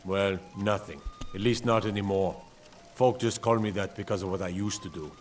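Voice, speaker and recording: Gruff old seafarer played by a male actor, retired captain, lowish voice, plainspoken fantasy game townsman. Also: fairly even intonation, moderate pace, distant mic, soft background music, lightly acted. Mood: gruff, matter-of-fact. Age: older. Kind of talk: video game character dialogue.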